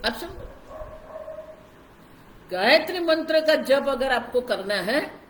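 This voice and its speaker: A woman's voice: sits high, very animated, slow pace, echoey room, rough recording. A woman spiritual teacher giving a scripture discourse, explaining patiently and often calling her listeners to look closely. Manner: explanatory, repeats "ab dekho" to engage listeners.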